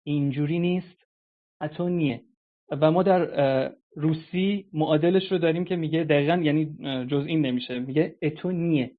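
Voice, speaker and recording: A man whose first language is Gilaki, explaining ideas hesitantly in a casual live audio chat, pausing on drawn-out filler sounds. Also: on the high side, fairly even intonation. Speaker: discussion speaker. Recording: tinny phone-like audio-app line.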